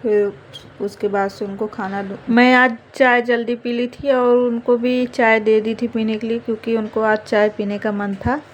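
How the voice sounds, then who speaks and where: A young woman talks her way through her household chores in a chatty, rambling vlog. Her voice sits fairly high and keeps a flat, even melody. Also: moderate pace, a little hiss or hum. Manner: chatty, rambling, fillers of "matlab". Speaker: vlogger, mother. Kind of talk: casual home vlog narration.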